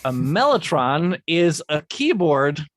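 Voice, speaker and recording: Speaking slowly with big swings in pitch, the composer explains the making of his theme, reading in part and correcting himself, often starting script lines over. His fairly high voice is recorded cleanly in a studio with no room sound.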